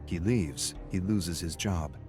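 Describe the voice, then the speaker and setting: Soft background music plays faintly as a man narrates from a script, his very deep, mellow voice moving in a slow, solemn cadence. Every phrase sounds carefully weighed and dramatic.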